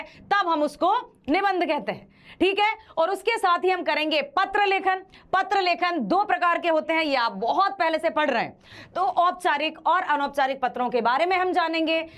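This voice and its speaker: A woman teacher giving an exam-prep grammar lesson, quizzing students and slowly repeating sounds to demonstrate them. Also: high-pitched, a bit bright.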